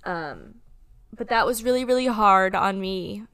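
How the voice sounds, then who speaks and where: A woman's voice: medium pitch, lively intonation, a little slow, fairly bright tone, clear, resonant tone, no room sound. A woman in her twenties co-hosting a casual podcast chat, talking candidly with some swearing and sometimes close to tears. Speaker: podcast co-host.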